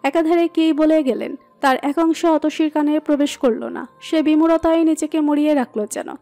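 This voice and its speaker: A woman narrating a romantic audio story in a steady, expressive reading. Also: high-pitched, moderate pace. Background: soft background music.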